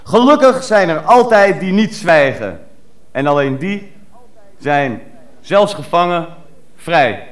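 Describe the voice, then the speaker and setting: A man's voice: fairly high pitch, big pitch swings, slow, pauses often. A man reciting a poem in a declamatory, rhythmic way. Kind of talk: poetry recital.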